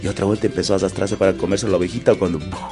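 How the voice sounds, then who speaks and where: A man narrating folk tales as a storyteller in an animated, expressive, dramatic way. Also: low-pitched, racing, music in the background.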